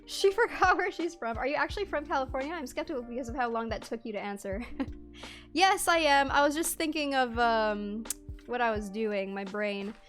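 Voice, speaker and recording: A woman's voice: a little high, moderate pace, faint music behind. A Canadian-born woman streaming a game, chatting casually and reading chat aloud, laughing often.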